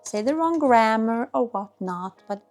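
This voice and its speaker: A Swedish-accented woman, likely in her thirties, talks casually to the camera as she cleans her home kitchen, often hunting for words and restarting sentences. Her voice is on the high side, expressive and a little slow. Quiet music plays underneath, with dishes clinking, in this cleaning vlog.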